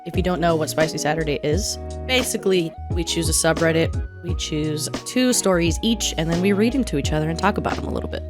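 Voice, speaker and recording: A woman co-hosting a podcast, chatting in a playful, giggly way with quick banter. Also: low-pitched, music in the background. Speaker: podcast co-host. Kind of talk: casual chat.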